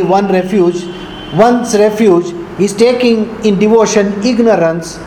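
A man's voice: sits high, dark tone. A man with a South Indian accent giving an informal spiritual discourse, didactic and conversational, often checking that listeners understand. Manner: switches between English and Hindi. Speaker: spiritual teacher. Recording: echoey room with faint noise.

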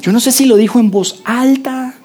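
Una predicadora con acento mexicano da un sermón en tono conversacional e imita las voces de los personajes bíblicos. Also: female voice, on the high side, normal speed, warm tone. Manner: conversational, acts out voices of biblical figures. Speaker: preacher. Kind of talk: sermon.

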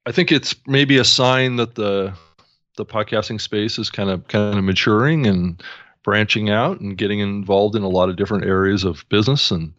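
Man, lowish voice, halting with fillers, dull lo-fi dry sound. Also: fairly bright tone, no echo. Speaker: podcast host. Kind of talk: casual chat.

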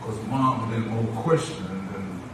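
A pastor preaching a sermon, stretching his phrases in a drawn-out cadence that swells on key words. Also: lowish voice, background noise. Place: church sanctuary. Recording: very echoey church recorded from a distance.

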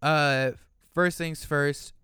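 A man's voice: a little high, steady tone, very slow, pushed and bright, clean tone, no echo, studio quality. A young man co-hosting a podcast, chatting casually and telling rambling stories full of swearing. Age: young adult. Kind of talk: casual chat.

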